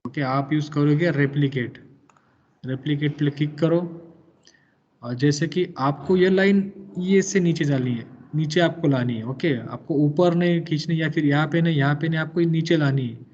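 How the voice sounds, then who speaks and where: Guy teaching an engineering software class, hindi mixed w english, slightly high voice, muffled lo-fi audio. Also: measured pace, slight background noise. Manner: patient, mixes English into Hindi, quizzes students. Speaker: engineering lecturer. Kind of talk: software tutorial lecture.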